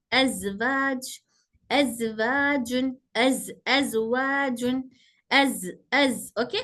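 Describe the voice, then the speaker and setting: A woman's voice: high-pitched, bright, forceful tone. A woman teaching Quranic letter pronunciation in an online class, explaining patiently and drawing out each sound for practice. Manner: slow, drawn-out demonstration of letter sounds.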